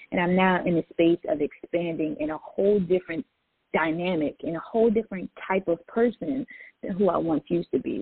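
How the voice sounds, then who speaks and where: A woman's voice: fairly low pitch, gravelly, breathy edge, dry recording. A woman who is a poet and public speaker, talking reflectively in casual conversation with lots of "like" fillers. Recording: tinny phone-like line.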